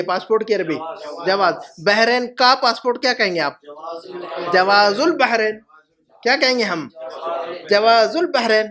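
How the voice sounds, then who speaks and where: A middle-aged man teaching Arabic to a class, patiently repeating each phrase slowly. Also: high voice, sharp tone. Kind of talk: classroom lesson.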